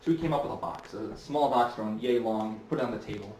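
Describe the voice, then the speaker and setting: Chatty magician, echoey and distant. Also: male voice, lowish voice, quick pace, darkish tone, slight background noise. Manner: chatty, with many "uh" fillers and restarts. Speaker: stage magician. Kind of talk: live storytelling performance. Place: fair stage. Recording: echoey, distant mic, faint ambience.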